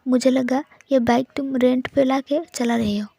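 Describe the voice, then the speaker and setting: A woman's voice: high-pitched, steady tone, normal speed, creaky, dark tone, breathy edge, no echo, full character voice. Caring young woman intern, read by a woman. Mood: caring, gentle.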